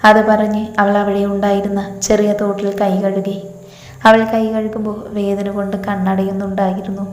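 A woman narrating a romantic story in a steady, even reading voice. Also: medium pitch, normal speed. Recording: echoey room with long reverb.

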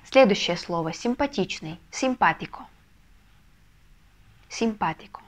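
A woman teaching a video lesson, explaining step by step with patient, soft confirmations. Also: lowish voice, lively intonation, normal speed. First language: Russian. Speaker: Spanish language teacher. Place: language school in a Russian city.

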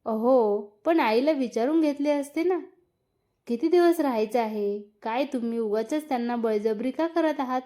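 A woman's voice: high voice, normal speed, dark tone, natural voice. Woman reading as a shy young wife. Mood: soft. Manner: timid and hesitant.

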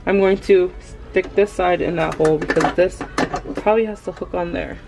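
A young adult woman chatting to viewers as she cooks in her home kitchen, excitable and talking as she works. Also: lowish voice, moderate pace, music in the background, rough recording. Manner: chatty, excitable, talks to viewers while working. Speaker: cooking vlogger. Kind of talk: casual cook-along narration.

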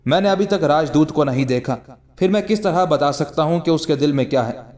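A man voicing a calm, mocking ascetic holy man in a read-aloud historical story, with measured, scornful delivery. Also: fairly high pitch, soft background music, natural voice. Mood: defiant.

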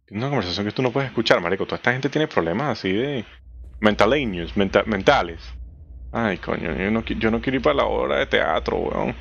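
Animated young Venezuelan gamer man. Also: gravelly, muffled recording, a little hiss or hum. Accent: Venezuelan Spanish. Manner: excitable, swears a lot, jumps to squeaky high exclamations. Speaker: let's play gamer. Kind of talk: horror game let's play commentary.

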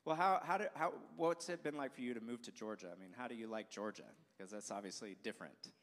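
This young man talks fast in a mid-range voice with a fairly bright tone while hosting a student interview on a church stage as a school staff member. Upbeat and prone to restarts, he holds a handheld mic, and the recording carries the long echo of a large hall.

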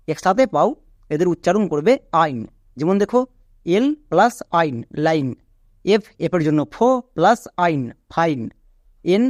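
A woman whose first language is Bengali teaches English spelling and pronunciation, spelling each word out letter by letter and then saying it slowly. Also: lowish voice, darkish tone, no room sound, clean studio sound.

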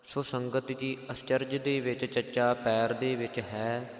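A man with a Punjabi accent teaching scripture pronunciation, chanting verses slowly and then explaining each letter. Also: medium pitch, little pitch movement, echoey room, big-room sound. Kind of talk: Gurbani pronunciation lesson with sung recitation.

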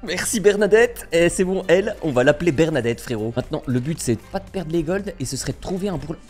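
Excitable young gamer, slangy and chatty. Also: male voice, fairly high pitch, quick pace, faint music behind. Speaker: gaming YouTuber. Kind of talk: casual gameplay commentary.

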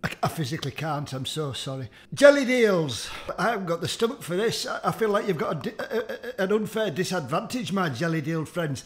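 This food challenge host has a somewhat high male voice and plays every bite for comedy, cursing, moaning, and complaining with mock disgust. He speaks fast and expressively, barely pausing.

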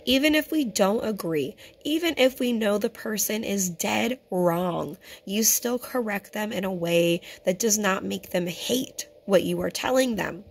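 A hoarse woman who keeps clearing her throat, giving an earnest, conversational scripture teaching to her viewers. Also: medium pitch, a little slow, few pauses. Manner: earnest and conversational, addresses viewers as brothers and sisters. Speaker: teacher of a Torah fellowship. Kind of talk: home-made teaching video.

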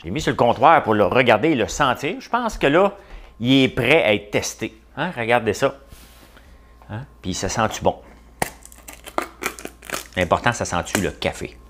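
A man's voice: mid-range voice, animated, normal speed, pauses often, a bit bright, slight background noise. A middle-aged man with a Quebec French accent, hosting a casual livestream and chatting with viewers by name. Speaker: livestream host reading viewer comments. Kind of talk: casual live chat.

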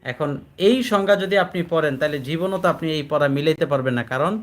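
A man speaking teaches a Quran reading class to adult students in a classroom. He explains patiently, repeats himself, checks that they follow, and draws out recited words slowly. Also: on the high side. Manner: patient, repetitive, checks understanding with questions; chants recited words slowly, drawing out syllables. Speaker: addressed as hujur by students.

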